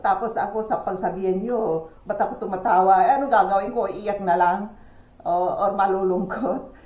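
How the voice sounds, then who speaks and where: A woman's voice: mid-range voice, normal speed, a little hiss or hum. A Filipina woman vlogging to her viewers in a chatty, gossipy way, telling stories with exclamations and laughs while outdoors. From Philippines. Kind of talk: casual chat to viewers. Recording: echoey, dull lo-fi with faint ambience.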